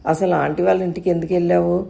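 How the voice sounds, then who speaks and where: A woman voicing a worried, protective mother who speaks softly to her son. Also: fairly low pitch, little pitch movement, quick pace, gravelly. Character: anxious, protective young mother.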